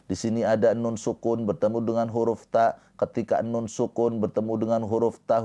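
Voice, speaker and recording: A man teaching Quran recitation rules in a slow, patient lesson, chanting verse phrases and then explaining them. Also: fairly low pitch, mellow, clear, resonant tone, dull audio. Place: live-streamed lesson.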